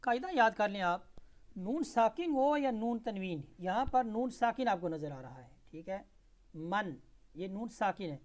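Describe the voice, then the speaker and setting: A man teaching Tajweed, spelling out and reciting verses slowly syllable by syllable, then explaining the rules in brisk asides. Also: high voice, lively intonation. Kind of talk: Tajweed lesson with slow recitation.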